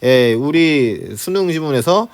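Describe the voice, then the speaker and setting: Man, exam-prep teacher, lively sing-song delivery, slightly high voice, rhetorical questions. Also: slow. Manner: lively, frequent rhetorical questions and "자, 그죠?" check-ins. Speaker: Korean language teacher.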